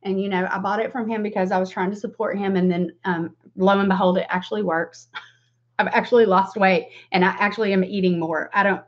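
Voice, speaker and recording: A woman's voice: medium pitch, steady tone, fairly quick. Southern woman on a dull lo-fi stream. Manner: informal, rambling, self-deprecating asides. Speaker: beauty livestream host and makeup seller. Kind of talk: casual chatty makeup tutorial livestream.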